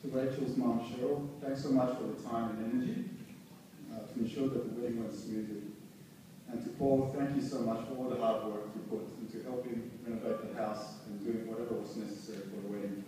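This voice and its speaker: Halting groom's speech, man, very echoey room. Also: medium pitch, steady tone. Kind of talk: wedding thank-you speech. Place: large echoing room at wedding reception. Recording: very echoey room, distant mic, noisy.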